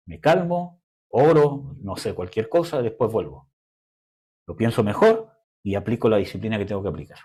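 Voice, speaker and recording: A young man preaching a sermon in a conversational way, often pausing with fillers. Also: mid-range voice, darkish tone. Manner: conversational preaching, frequent "¿cómo se llama?" fillers.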